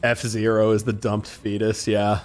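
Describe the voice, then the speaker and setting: A man's voice: on the low side, little pitch movement, unhurried, faint music behind. Casually cursing man chatting over a game. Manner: profane, joking banter. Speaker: streamer. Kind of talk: casual gaming chat.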